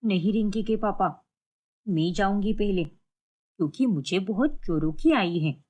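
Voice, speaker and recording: A woman voicing a grumbling middle-aged aunt in an animated cartoon, with a complaining tone in a lower voice. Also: a little slow.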